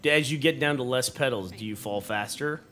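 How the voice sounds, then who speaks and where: A curious, playful dad talks through a video game with his son, asking questions and cheering him on. His voice sits at an ordinary middle pitch for a man, relaxed and conversational. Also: a little fast. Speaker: dad co-hosting a kids' gameplay show. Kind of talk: casual gameplay chat with his son.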